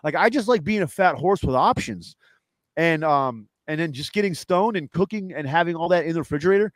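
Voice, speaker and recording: A man who is a comedian and home cook, a guest in a casual interview, rambling fast with lots of fillers. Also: fairly high pitch, animated, no room sound.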